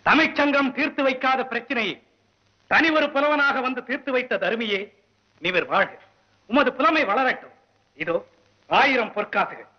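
A regal, husky-voiced king. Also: extremely high pitch, lively intonation, normal speed, pauses often. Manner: formal, ceremonious speech. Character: regal, courteous male king. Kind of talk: 1960s Tamil film acting. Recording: dull old film soundtrack.

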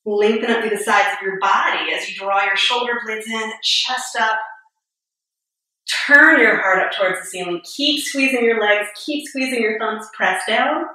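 Far from the microphone in a room full of echo, a yoga teacher in her thirties calmly talks her class through each pose, a little breathless and occasionally joking. She speaks at normal speed in a bright, clear, slightly high voice.

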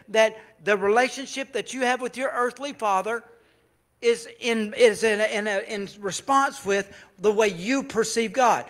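High-voiced pastor preaching. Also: male voice. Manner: storytelling, swings between loud preaching and hushed confession. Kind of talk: sermon. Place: church.

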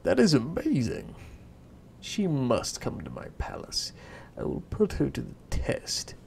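A man's voice: mid-range voice, wildly swooping pitch, measured pace, gravelly, a little hiss or hum, exaggerated voice. A man voicing a pompous, greedy king who barks orders. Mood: commanding.

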